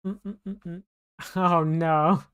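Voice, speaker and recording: A woman streamer chats casually with her viewers, rambling and often restarting mid-sentence. Her voice sits low and sounds smooth and clear. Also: fairly even intonation, slow pace. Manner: rambling, scattered, with many restarts. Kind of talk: casual live-stream chat.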